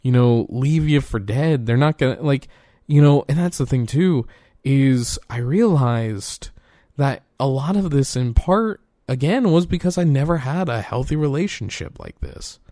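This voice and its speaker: A man's voice: medium pitch, animated, unhurried, dark tone, no echo. Young guy podcasting, rambly and earnest, cusses a lot, dry close sound. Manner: rambling, earnest, swears casually, frequent fillers. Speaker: podcast host. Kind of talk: casual heartfelt monologue.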